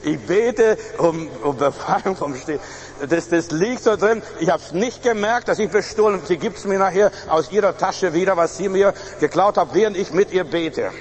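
A man's voice: high-pitched, normal speed, a little hiss or hum. Emphatic male pastor in echoing hall. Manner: emphatic preaching with frequent fillers and restarts. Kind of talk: sermon. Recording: reverberant hall, faint ambience.

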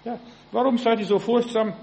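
A man's voice: very high-pitched, fairly even intonation, moderate pace, vocal fry, warm tone, a little hiss or hum, rough recording. A male preacher giving a sermon, peppering his talk with "ja" and asking his listeners direct questions. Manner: acts out biblical voices in quotes.

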